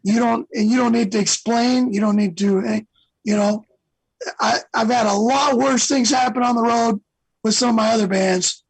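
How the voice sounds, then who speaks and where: Male guest, husky and dry, rambling storyteller. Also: very high-pitched, steady tone, normal speed, dry recording, rough recording. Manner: rambling storyteller, many fillers. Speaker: guest singer. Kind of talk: casual interview chat.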